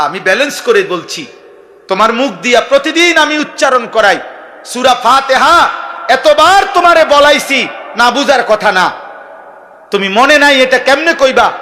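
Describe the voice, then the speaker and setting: A man from Bangladesh preaching a sermon with a Bangladeshi Bengali accent, fervent and repetitive, rising to loud emphatic peaks. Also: high voice.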